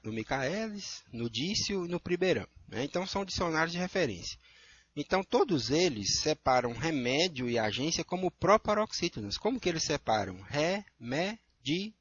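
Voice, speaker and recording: A man's voice: on the high side, big pitch swings, brisk, a bit bright, breathy edge, highs cut off. A man with a Brazilian Portuguese accent, a teacher going through worksheet answers and checking in with his students often. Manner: explanatory, checks in with frequent "tá?" and "né?".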